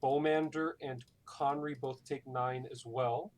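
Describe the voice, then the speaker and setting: A man running a tabletop game as game master, making brisk rules calls and narrating scenes vividly. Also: medium pitch, steady tone.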